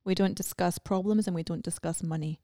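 A woman's voice: fairly low pitch, steady tone, fairly quick, warm tone, dry recording. Woman, thirties, blunt, sarcastic, casual chat, dry close recording. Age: 30s.

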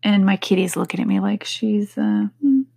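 A woman podcast host with a husky, sleepy morning voice, rambling casually to her listeners. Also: moderate pace, warm tone. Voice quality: husky, slightly deeper morning voice. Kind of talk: casual solo talk to listeners.

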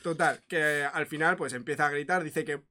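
A man from Spain with a high voice co-hosts a comedy podcast, laughing often. He reads a news story aloud and slips into playful voices for the people in it. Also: moderate pace, bright, forceful tone. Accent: Spanish from Spain. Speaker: podcast co-host. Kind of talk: casual comedic chat.

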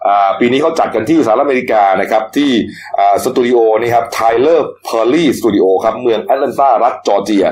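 A middle-aged man hosting a news talk show with a voice of ordinary, middle pitch. He runs through the day's stories in a chatty, easygoing commentary, peppering his sentences with polite particles. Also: normal speed, hardly any pauses, darkish tone.

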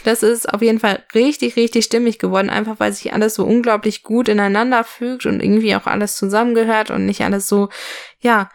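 A woman's voice: mid-range voice, gravelly. A woman narrating a children's story, then chatting about the book she read. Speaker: book reader and reviewer.

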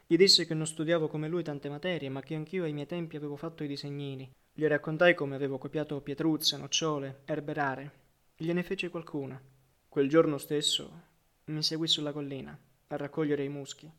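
A man reading a literary novel aloud as audiobook narrator, measured and reflective, letting phrase endings fall softly. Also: a little high, level tone.

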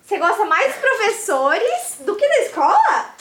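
A woman's voice: extremely high pitch, wildly swooping pitch, normal speed, a bit bright. A young woman working as a museum educator, chatting playfully with children, cheerful and encouraging, praising them often. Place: museum TV studio. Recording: roomy studio with background noise.

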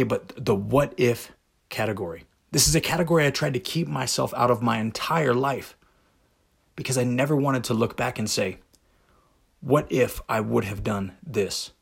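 A man's voice: medium pitch, creaky, husky. A man hosting a motivational podcast monologue, speaking directly and emphatically with rhetorical questions. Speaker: podcast host.

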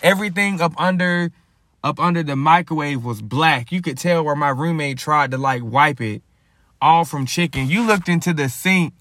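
A man telling a story to his viewers in a casual, lively, slangy way. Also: a little high, moderate pace. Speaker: vlogger.

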